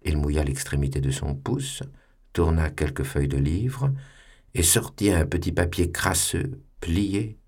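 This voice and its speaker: A man giving a measured, theatrical literary reading. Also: extremely low pitch, fairly even intonation, darkish tone, husky.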